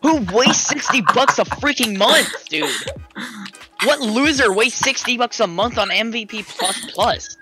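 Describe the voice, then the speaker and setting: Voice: medium pitch, measured pace, pushed and bright, soft background music. A gaming partner chatting casually during play in a grumbling, complaining way. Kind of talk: casual chat during gameplay.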